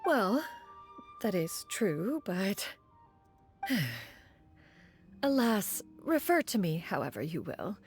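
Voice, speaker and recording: Lofty, expressive ancient immortal woman. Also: medium pitch, faint music behind, heavily acted. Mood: haughty, reluctant. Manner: lofty, formal, archaic phrasing, measured. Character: proud, ancient female immortal adeptus, stately and aloof. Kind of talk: video game voice acting.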